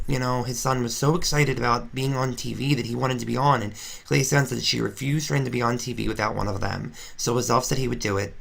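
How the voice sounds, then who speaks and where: A woman's voice: rumbling low, vocal fry, full character voice. A woman voicing a brash, gossipy female Flareon reality star, ranting sarcastically in a confessional-style fan drama. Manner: indignant, sarcastic ranting with restarts.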